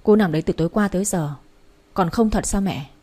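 A calm young husband from an audio story, as a woman reads him, asking pointed, level questions. The voice stays mellow and a little husky. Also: mid-range voice, a little fast, natural voice. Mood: concerned.

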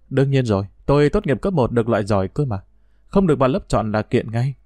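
A man's voice: mid-range voice, a little mellow, no room sound, clean studio sound. A man narrating a first-person story in a wry, reflective, conversational way.

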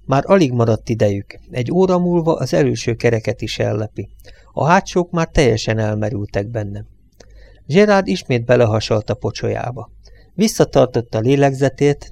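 A man reading an audiobook in a calm, measured narrating voice. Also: mid-range voice, vocal fry.

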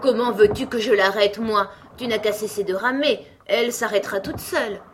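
A woman voicing a cranky old female sheep who knits, with a shrill, snappish voice. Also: moderate pace, a little hiss or hum, close to an everyday voice. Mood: curt.

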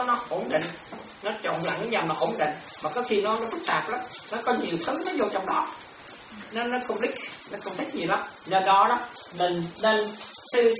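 Woman, monastic teacher at a dharma class; repetitive, checks understanding; distant, roomy, noisy recording. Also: medium pitch. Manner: repetitive, keeps checking if students follow. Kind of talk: dharma class explaining Pali terms. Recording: echoey room from far off, ambient noise.

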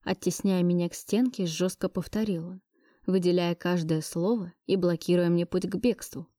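A woman narrating a first-person audiobook in an even, measured storytelling voice. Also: lowish voice, no room sound, studio quality.

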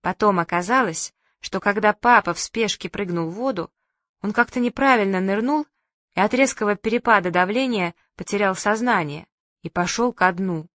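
A woman reading a lively humorous story aloud as an audiobook narrator. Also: mid-range voice, no room sound, clean studio sound. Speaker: audiobook reader. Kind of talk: scripted narration.

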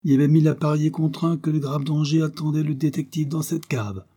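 A man narrating a classic detective novel in a steady, measured audiobook reading. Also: on the high side.

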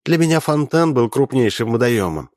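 A man voicing a shrill, indignant young Persian princess in a storybook reading, shouting her lines. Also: animated, moderate pace, dry recording, clean studio sound, natural voice.

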